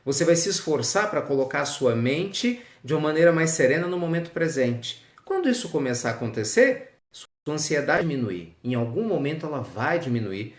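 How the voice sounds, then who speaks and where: A man's voice: on the high side, big pitch swings. A man playing a serene, teasing zen master. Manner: unhurried, gently teasing. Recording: echoey with loud crickets.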